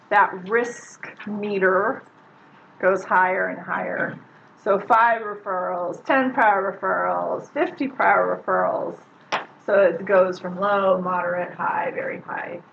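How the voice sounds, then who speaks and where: A woman's voice: mid-range voice, vocal fry. Woman social worker teaching a class, chatty, muffled noisy recording. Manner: casual, conversational, quizzes the audience. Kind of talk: classroom lecture. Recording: muffled lo-fi recording with loud background noise.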